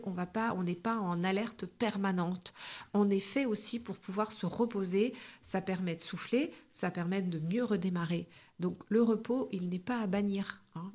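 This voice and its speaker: A woman's voice: medium pitch, a little mellow. A woman on a radio show giving practical health advice in an explanatory way, often ending her phrases with a short tag.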